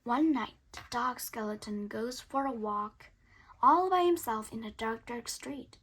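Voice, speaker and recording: Her voice high, bright and slightly rough, a woman storyteller reads a children's picture book at an unhurried pace. The performance is dramatic, with slow phrasing that drops to hushed whispers and surges into emphatic bursts.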